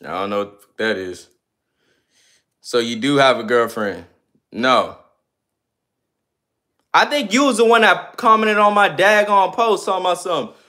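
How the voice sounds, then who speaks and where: A man's voice: high voice, unhurried, pauses often. Slangy young man reading chat aloud. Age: 20s. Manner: slangy, loose and animated, sometimes ranting. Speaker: livestreamer. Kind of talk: casual livestream chat, reading viewer comments aloud.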